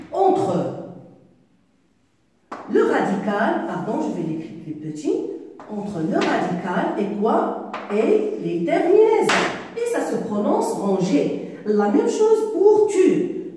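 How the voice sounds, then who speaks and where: A woman's voice: high-pitched, mellow, a little hiss or hum. A woman teaching a grammar lesson to a primary class, explaining step by step and asking questions as she goes. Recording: echoey room, voice from far off.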